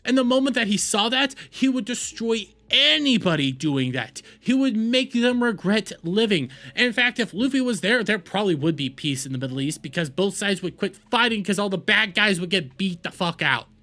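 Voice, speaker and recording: Speaking in a high, expressive voice with a sharp tone, a man rants furiously on his reaction video at normal speed, barely pausing, swearing heavily and repeating himself.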